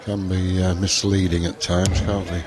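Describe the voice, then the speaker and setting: A man's voice: low voice, little pitch movement, normal speed, a little mellow. A man co-commentating on live darts with short, matter-of-fact remarks. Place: commentary position at darts event. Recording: crowd noise behind commentary.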